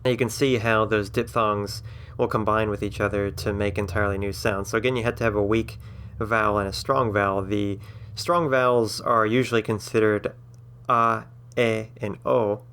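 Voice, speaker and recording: A man's voice: fairly low pitch, flat delivery, moderate pace, fairly bright tone, clear, resonant tone. A man teaching a language-building lesson, patiently spelling out sounds with some filler words. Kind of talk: explanatory lesson.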